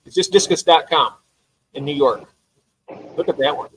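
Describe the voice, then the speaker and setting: A man's voice: on the high side, normal speed, a bit bright, slight background noise, low-quality recording. A man hosting a casual livestream chat, enthusiastic and talkative, often trailing off mid-thought. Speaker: livestream host.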